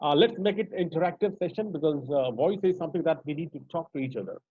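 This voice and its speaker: A man leads an online voice training session, drawing the group in with questions. His voice sits a little high for a man. The call audio is dry and slightly muffled. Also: fast, husky, no echo. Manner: interactive, asks the group questions. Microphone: video call.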